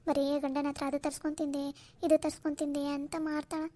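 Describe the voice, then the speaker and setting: A woman's voice: sits high, level tone, fairly quick, mellow, close to an everyday voice. A woman voicing a fretful village mother-in-law. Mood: worried. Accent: North Karnataka Kannada. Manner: complaining, plaintive. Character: worried older village mother-in-law, anxious. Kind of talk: cartoon voice acting.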